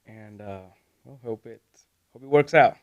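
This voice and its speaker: Smooth-voiced young man, hesitant. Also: medium pitch, a little slow. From Venezuela. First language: Spanish. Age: 20s. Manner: hesitant, many fillers, laughs easily. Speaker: guest. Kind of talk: casual interview talk.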